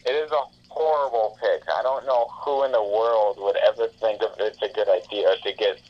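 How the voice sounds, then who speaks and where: A man's voice: on the low side, fairly even intonation, normal speed, highs cut off. Man heard through a phone speakerphone. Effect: heard over a phone on speakerphone. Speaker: caller, friend of the host. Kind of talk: casual chat.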